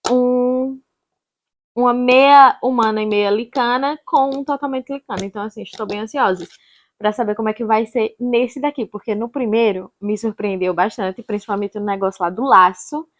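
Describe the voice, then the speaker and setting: A woman's voice: fairly high pitch, steady tone, normal speed. A Brazilian woman chatting casually as a book vlogger, informal and rambling, often correcting herself. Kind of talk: casual chatty reading vlog.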